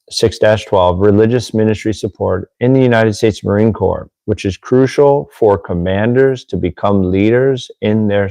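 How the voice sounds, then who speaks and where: A man with a low, gravelly voice talks casually and self-deprecatingly as he hosts a livestream. He reads passages from a handbook between asides. The sound is dry and close on a desk mic that clips a little. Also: warm tone, no echo, low-quality recording. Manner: chatty and self-deprecating, fiddling with audio gear. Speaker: host, former Marine Corps religious lay leader. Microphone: desk microphone with gain control.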